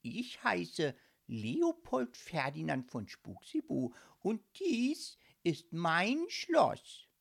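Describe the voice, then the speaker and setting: A woman voicing a cheerful, vain male ghost in striped pajamas who talks in breathy, secretive whispers. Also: fairly low pitch, wildly swooping pitch, very slow, hardly any pauses, exaggerated voice. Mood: proud.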